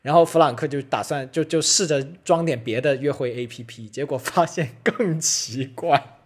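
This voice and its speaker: A man's voice: a little high, normal speed, slightly rough. A man co-hosting a casual podcast chat, who refers to himself by his own name and laughs as he tells stories. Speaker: podcast co-host.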